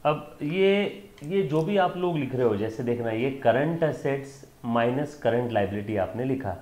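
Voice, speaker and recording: A man's voice: medium pitch, lively intonation, measured pace, a little mellow, echoey room. A man teaching a commerce lecture online, coaxing his students and checking that they follow, mixing in English terms. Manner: mixes Hindi with English terms.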